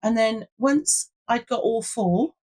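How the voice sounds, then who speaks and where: Woman, British accent, croaky frog voice, hoarse, fairly high pitch, chatty craft vlog host. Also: slow, darkish tone. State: lost voice, hoarse.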